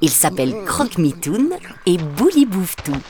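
A woman narrating a children's audiobook in an expressive, sing-song way. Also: on the low side, moderate pace. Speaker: storyteller.

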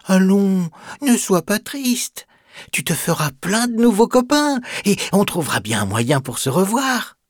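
A man's voice: sits high, sing-song, measured pace, no echo, clean studio sound, voice pushed up, full character voice. A man voicing a kind, playful male ghost in a children's storybook, comforting and teasing.

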